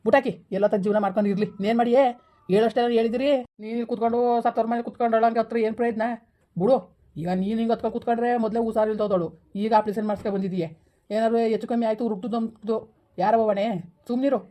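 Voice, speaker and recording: A woman playing a stern, rapid-fire village woman. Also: a little high, steady tone, lightly acted. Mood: consoling. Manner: scolding, hushing others, rapid-fire. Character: stern village woman, scolding and consoling relatives. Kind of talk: village family skit acting.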